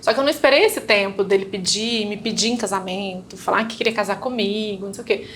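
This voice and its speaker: A fast-talking woman with a Brazilian Portuguese accent and a medium-pitched, fairly bright voice appears as an interview guest, recounting her own experience in casual conversation. She acts out dialogue she remembers and uses tag questions often, with a little hiss or hum on the recording.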